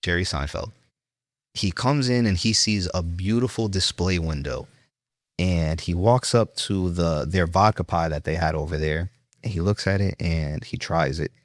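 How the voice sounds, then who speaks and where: A man's voice: deep voice, normal speed, dry recording, studio quality. A man with a New York accent, a chef being interviewed, telling his story earnestly with fillers and restarts. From Brooklyn. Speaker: chef, guest.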